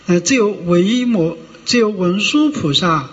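A high-pitched male monk delivers a discursive Buddhist sermon. He fills his pauses with drawn-out sounds and keeps asking the listeners whether they follow. The recording is dull and lo-fi and carries a long hall reverb. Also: lively intonation. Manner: discursive, many drawn-out "ah" fillers and rhetorical "you know?" checks.

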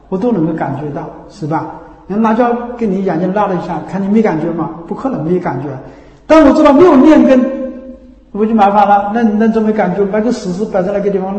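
A man with a high-pitched, mellow voice gives a Buddhist dharma talk as the teacher, explaining things patiently and frequently checking that his listeners are keeping up. The recording is in an echoey hall with long reverb.

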